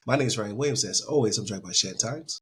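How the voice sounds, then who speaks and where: A man hosting a podcast, opening the show with brisk, energetic delivery. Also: fairly low pitch, a little hiss or hum. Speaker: podcast host. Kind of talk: show introduction.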